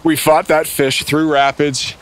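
A man's voice: on the high side, level tone, a little slow. A man hosting a fishing show outdoors on a river, exclaiming, laughing and giving casting tips as he fishes. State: out of breath at times. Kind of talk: excited on-the-water fishing commentary.

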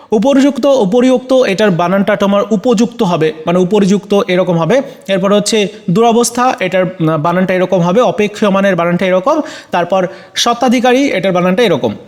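A man with a Bangladeshi Bengali accent walks students through exam answers in a casual way, with fillers and self-corrections. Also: high-pitched. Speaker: teacher.

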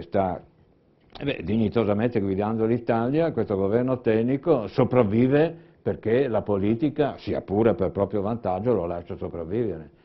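Male panelist, low voice, measured lecturing style with restarts, dull lo-fi conference audio. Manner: deliberate, restarts and repeats words. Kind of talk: conference talk.

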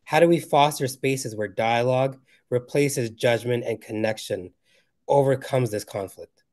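A man's voice: mid-range voice, unhurried, darkish tone. Male co-organizer, earnest and formal, reads a prepared welcome over a video call. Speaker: webinar co-organizer. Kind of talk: read welcome remarks.

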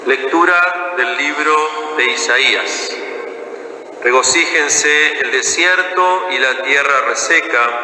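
A man, a priest celebrating mass, reading prayers and scripture in a slow, measured way in a large church. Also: medium pitch, pushed and bright, slight background noise. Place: large ornate church, indoors. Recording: echoey church from far off.

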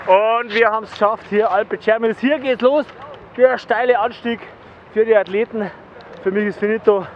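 A man in his forties giving excited, shouted commentary while skiing down a snowy slope outdoors, filming himself with an action camera held at arm's length. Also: sits high, normal speed. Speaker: vlogger skiing with a helmet camera. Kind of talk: casual on-the-go commentary. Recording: dull action-camera audio with loud wind noise.

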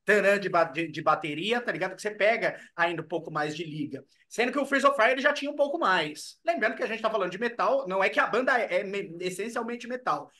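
High, bright-voiced chummy Brazilian man. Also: quick pace, few pauses. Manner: chummy, slangy, animated. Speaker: co-host. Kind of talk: casual album review chat. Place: home room. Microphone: video call webcam.

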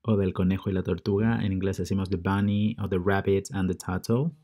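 A man teaching English words to children, repeating each word pair slowly and stressing how to say it. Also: low voice, fairly even intonation, dark tone. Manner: drills word pairs with slow, careful repetition; stresses English pronunciation for learners. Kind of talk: bilingual vocabulary lesson for children.

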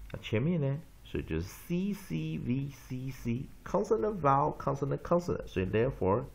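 A man teaching an English pronunciation lesson. He repeats words slowly for drilling and mixes English terms into his Chinese. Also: mid-range voice, creaky. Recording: dull lo-fi recording.

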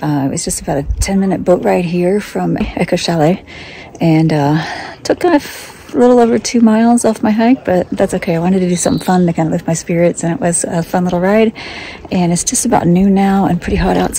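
A woman's voice: lowish voice, a little fast, dark tone, a little hiss or hum. A middle-aged woman talking into a phone held at arm's length on a mountain trail, chatty and upbeat, hot and tired from hiking. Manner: chatty, upbeat, laughs often. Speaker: hiking vlogger. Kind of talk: casual trail vlog.

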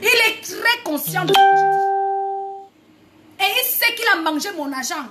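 A woman's voice: very high voice, lively intonation, unhurried, loud music behind the voice. A woman singer from Cameroon delivering a heated, repetitive, confrontational rant to the camera. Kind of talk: angry video rant.

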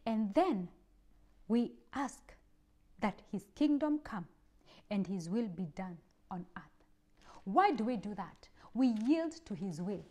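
A woman preaching a sermon in a high, animated voice that climbs and falls across a wide range. She teaches emphatically, repeating phrases and building to loud exclamations.

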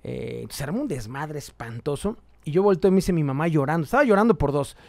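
A man with a Mexican Spanish accent, a guest musician telling stories in an animated, slangy, profane way. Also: on the high side, fast, vocal fry, dry recording. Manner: animated, slangy and profane, full of quoted voices. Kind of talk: casual storytelling.

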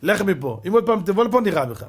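A man's voice: high-pitched, very animated, slightly rough, pitched above the performer's own voice, exaggerated voice. A man voicing a blunt, threatening soldier who is guarding a bridge.

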